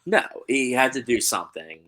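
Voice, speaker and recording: A man's voice: medium pitch, expressive, normal speed, fairly bright tone. A man co-hosting a podcast, chatting bluntly with laughs and the odd swear. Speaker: podcast co-host. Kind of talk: casual recap chat.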